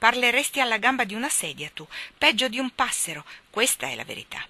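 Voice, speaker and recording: A woman voicing a stern, sharp-tongued nanny who scolds briskly. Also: on the high side, sing-song, voice pushed up, heavily acted. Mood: scolding. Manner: brisk, reproving.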